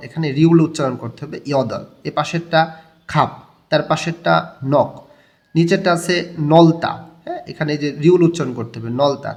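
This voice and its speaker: A young man with a Bangladeshi Bengali accent teaches a language lesson. He talks quickly in a slightly high voice, walking through each point and repeating the key words. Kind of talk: explaining a textbook lesson.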